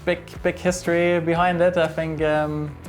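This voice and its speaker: Speaking at a normal speed in a fairly high voice, a middle-aged German man describes his workshop in a casual interview. He owns the place, has a German accent, and comes across relaxed but unsure, with many fillers and restarts; faint music is audible behind him.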